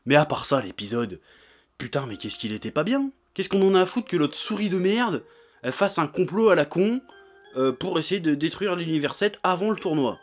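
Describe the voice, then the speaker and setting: A man's voice: fairly high pitch, animated, moderate pace, soft background music. A young man ranting like a raging gamer in an irate, exasperated, sweary video commentary. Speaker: anime episode reviewer.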